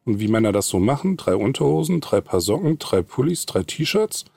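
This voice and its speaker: A man in his forties calmly recounting a personal experience in an interview, matter-of-fact with occasional fillers. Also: medium pitch, moderate pace, creaky, no echo. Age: 40s. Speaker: interviewee, flood survivor.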